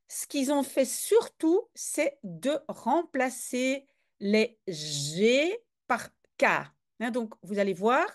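Chatty woman with a lively, high voice. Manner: chatty and explaining, with frequent hesitations. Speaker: reader and language teacher. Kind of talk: casual reading lesson, translating a comic aloud.

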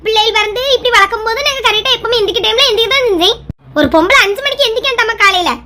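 A woman's voice: extremely high pitch, racing, a crowd in the background. Woman playing a nagging Kanyakumari mother-in-law. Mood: scolding. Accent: Kanyakumari Tamil. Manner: nagging and self-pitying. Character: scolding, complaining old mother-in-law. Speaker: skit performer. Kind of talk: comedy skit acting.

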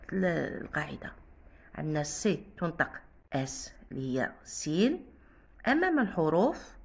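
Woman teacher, lively pitch, slightly husky, patient and repetitive. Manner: patient, repeats and spells out sounds. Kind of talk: casual spoken lesson.

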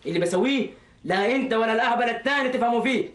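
A high, rapid-fire cartoon villain boss who barks orders with scorn. The echo of the room hangs around every line. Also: male voice, a bit bright. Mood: commanding. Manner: commanding and scornful. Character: bossy male villain leader from an evil planet.

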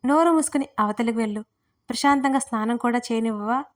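A woman's voice: fairly high pitch, fast, close to an everyday voice. Woman doing an irritable, snapping young husband. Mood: irritated.

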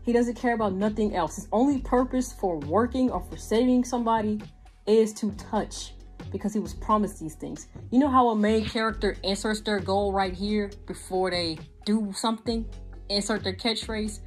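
A woman's voice: medium pitch, normal speed, soft background music. A young woman giving a frank, exasperated anime review in casual vlog style, talking with lots of hand gestures. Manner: animated, gestures a lot while talking. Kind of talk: casual video commentary. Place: small indoor room with a gaming desk setup.

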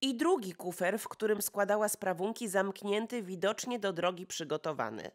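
Woman doing an excitable gossipy society lady. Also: medium pitch, moderate pace, close to an everyday voice. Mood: chatty, confiding. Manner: breathless exclamations, gossipy rush. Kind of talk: audiobook character reading.

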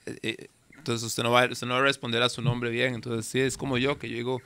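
Gravelly, bright-voiced Costa Rican man. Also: medium pitch, little pitch movement, a little fast. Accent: Costa Rican Spanish. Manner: laid-back storyteller, slangy, trails off. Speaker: guest artist. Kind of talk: casual interview chat.

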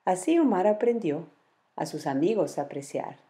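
A woman, the author of a children's book, reading her story aloud in a gentle, sing-song storytelling manner. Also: on the low side, big pitch swings, normal speed.

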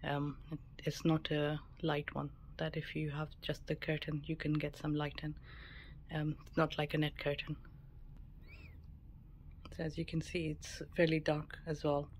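In a completely flat, low voice, a female travel vlogger walks through a small cabin, mostly aboard a small cruise ship. Her pace is measured, her narration casual and matter-of-fact, with clear ambient noise behind her.

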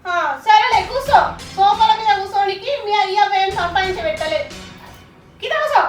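A woman playing a shrill, scolding sister-in-law. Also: fairly quick. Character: sharp-tongued sister-in-law, bossy, scolding. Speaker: actor in a short film. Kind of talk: amateur short film acting. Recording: echoey room, mic at a distance, music underneath.

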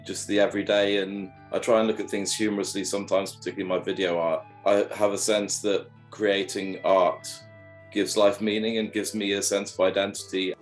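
A man's voice: fairly low pitch, flat delivery, brisk, faint music behind. A man artist speaking in a plain, matter-of-fact way in an interview. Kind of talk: interview monologue.

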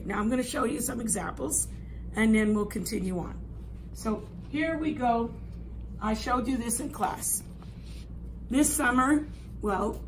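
Older lady art teacher, hoarse raspy voice going whispery, explaining an assignment firmly, noisy classroom. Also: mid-range voice. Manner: instructive, emphatic, checks understanding with "okay?". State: hoarse, losing her voice. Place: classroom art room, indoors. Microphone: camera a few metres away. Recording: clear room noise.

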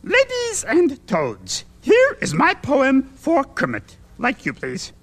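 A furry blue monster with a gravelly, high voice that leaps wildly up and down. He speaks slowly and grandly in overly formal phrases, with music playing behind him on a children's TV show. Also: huge pitch swings, a bit bright, heavily acted. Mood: grandiose. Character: furry blue male monster, eager and fussy.

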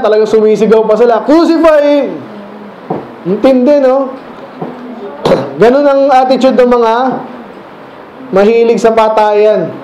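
A man's voice: sits high, dark tone, a little hiss or hum. A man with a Filipino accent, preaching a conversational Bible lesson and checking in with questions like "okay?" and "right?". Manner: keeps checking in with rhetorical questions. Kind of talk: conversational Bible teaching sermon. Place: church. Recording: echoey church room, dull lo-fi sound.

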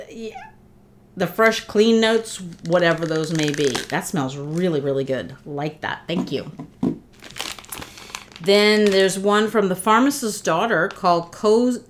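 In a chatty unboxing at home, a middle-aged woman vlogger thanks someone warmly for a gift while sitting in her living room, her speech peppered with fillers and false starts. Her voice is mid-range and a bit congested from a cold, with slight background noise.

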